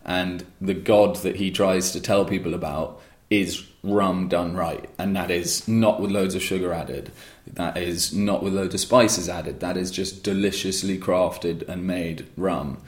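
Deep-voiced man founding a rum brand. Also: fairly even intonation, measured pace, echoey room. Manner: rambling with frequent restarts and fillers. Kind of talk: conversational interview.

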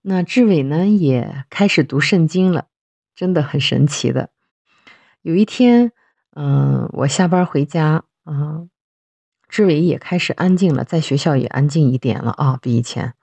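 A woman, a mother, telling her personal faith testimony in an unhurried way, pausing often with fillers. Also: deep voice, expressive, gravelly, dark tone, slightly rough, no room sound.

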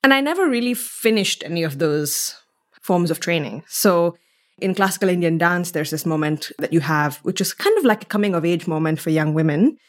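On the low side but animated and fairly quick, a young Kenyan woman from Mombasa speaks as a podcast guest. The theatre artist tells personal stories in a reflective, articulate conversational interview.

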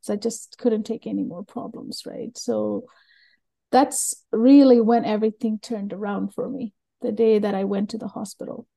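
Mellow-voiced middle-aged woman guest. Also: medium pitch, moderate pace, gravelly. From Sri Lanka. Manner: open, earnest storyteller with loose rambling phrasing. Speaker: guest, learning method creator. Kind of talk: candid personal interview.

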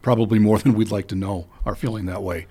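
A man hosting a faith interview who asks gentle questions and affirms his guest. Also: on the low side, fairly even intonation, fast talker, breathy edge. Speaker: interview host.

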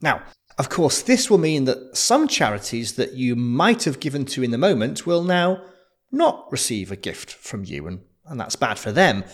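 A male podcast co-host talks in a casual, conversational way, poking fun at himself and laughing easily. His pitch sits mid-range and swings in an animated way. The delivery is friendly and self-deprecating. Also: moderate pace.

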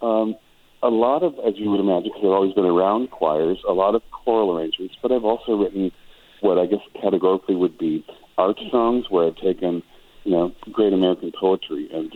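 A very low-voiced older man from Wisconsin chats as a radio guest, thoughtful and meandering, often restarting his sentences. His voice comes through thin and tinny, like a phone line. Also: a little fast. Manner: reflective, rambling with frequent restarts. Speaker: guest musician and choral director. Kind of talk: radio interview chat.

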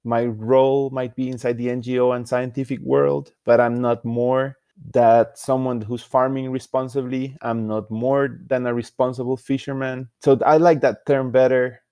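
A man's voice: mid-range voice, level tone, moderate pace, dark tone, clear, resonant tone, dry recording, clean studio sound. A man from Rica, giving easygoing, unpretentious answers as a guest in an interview. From Costa Rica. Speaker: guest conservation scientist.

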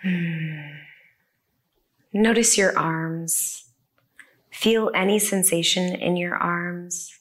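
Slow, soothing woman guiding a meditation. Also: lowish voice, steady tone. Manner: slow, soft and soothing, with long pauses. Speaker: meditation guide. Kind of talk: guided body-scan meditation. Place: a room with the listeners present.

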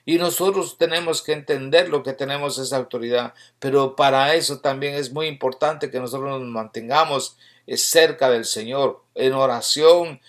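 A man preaching a sermon with fervor, reading scripture aloud and rising into emphatic bursts between quieter stretches. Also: medium pitch.

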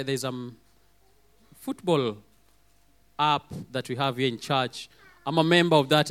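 A man with a hoarse, medium-pitched voice preaches a lively sermon. He calls out for amens and acts out little quoted voices along the way.

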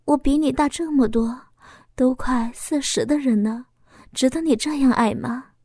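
A woman's voice: sits high, moderate pace, darkish tone, dry recording, clean studio sound. A woman voicing a bashful woman near forty who speaks in a coy, girlish way. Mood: tender.

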